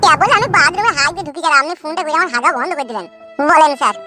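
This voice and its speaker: A performer voices a cartoon dub's jilted young village husband, self-pitying and dramatic, wailing over his heartbreak at a breakneck, rapid-fire clip. High and squeaky for a man, the animated, aggrieved voice piles florid image on image in long laments over a soft music bed.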